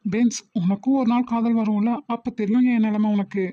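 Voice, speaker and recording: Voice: medium pitch, fairly even intonation, a little fast, no echo, lightly acted. A performer playing a shy, lovesick young male boss in a cartoon, bashful and defensive, with a Kongu Tamil accent. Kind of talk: cartoon voice acting. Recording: dull dry lo-fi recording.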